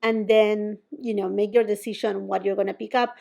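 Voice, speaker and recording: A woman's voice: medium pitch, little pitch movement, moderate pace, gravelly, a little mellow. A woman from Peru, chatting casually to camera as a beauty vlogger, often laughing and quoting herself.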